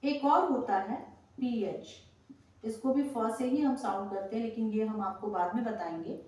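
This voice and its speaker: A woman teaching pronunciation in a slow, patient way, spelling each word out letter by letter and saying it again. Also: fairly high pitch, a little mellow, distant mic. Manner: patient, spells words letter by letter and repeats them. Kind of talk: slow spoken lesson. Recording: very echoey room, voice from off the mic.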